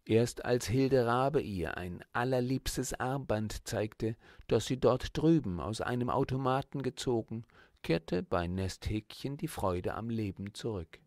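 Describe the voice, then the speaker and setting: A man reading a children's storybook aloud as audiobook narrator, in a calm, measured manner. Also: mid-range voice, dry recording, studio quality.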